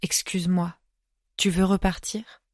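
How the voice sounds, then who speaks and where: A woman doing a husky, tender knight. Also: little pitch movement, unhurried, no echo, studio quality. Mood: reassuring. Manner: low, hushed, intimate.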